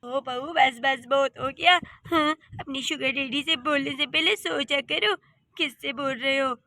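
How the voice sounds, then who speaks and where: A woman's voice: high-pitched, unhurried, pushed and bright, no room sound, heavily acted. A woman voicing a vain, bossy old grandmother in a cartoon, haughty and teasing. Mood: scolding.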